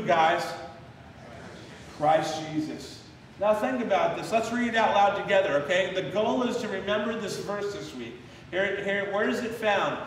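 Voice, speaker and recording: High-voiced man preaching in an echoey church. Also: slight background noise. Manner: leads the congregation in call-and-response, repeating a memory verse. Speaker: pastor. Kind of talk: sermon. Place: church sanctuary. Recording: echoey church hall from a distance.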